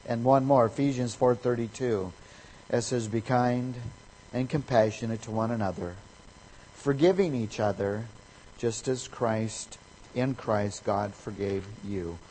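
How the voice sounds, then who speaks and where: A male pastor giving a sermon, reading scripture aloud and explaining it, swinging from loud to soft for emphasis. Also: medium pitch, unhurried, slight background noise, rough recording.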